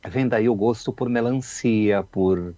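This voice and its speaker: A man's voice: on the low side, unhurried, dark tone, no echo, highs cut off. A man, a childhood researcher, explaining his views on a radio show, reflective and full of "né?" tags. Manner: reflective, repeats words, many "né?" tags.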